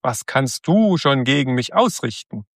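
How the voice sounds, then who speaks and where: Nebelkönig: a man doing a slow, booming fog king. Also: expressive, dry recording, clean studio sound. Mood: menacing. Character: huge menacing fog king, male.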